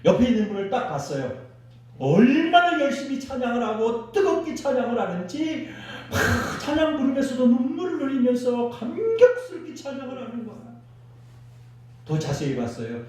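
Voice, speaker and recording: Animated Korean pastor preaching in echoing hall. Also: male voice, very high-pitched, moderate pace, distant mic. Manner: animated preaching with acted quotes, calls for congregation responses. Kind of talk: sermon. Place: church sanctuary. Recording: echoey church hall, mic from afar.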